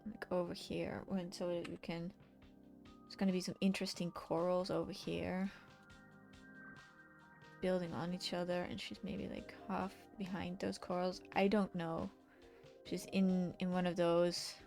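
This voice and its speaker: While painting on stream, a woman chats casually with her viewers, laughs at their comments, and often half-whispers to herself as she works. Her voice is lowish, creaky and darkish, with a level tone and an unhurried pace. Faint music plays behind her.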